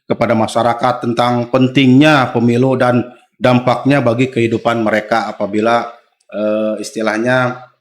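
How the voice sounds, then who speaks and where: Steady Indonesian-speaking man explaining plainly. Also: mid-range voice, normal speed, slight background noise. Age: 40s. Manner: steady explanatory, agrees often with short replies. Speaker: guest official. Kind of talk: casual podcast conversation.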